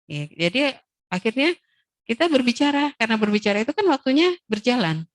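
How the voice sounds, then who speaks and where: A woman's voice: a little high, sing-song, fairly quick, no room sound. Woman with a lilt, giving parenting advice. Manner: acts out child and mother voices in quoted dialogues. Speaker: parenting webinar speaker. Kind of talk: parenting talk to mothers.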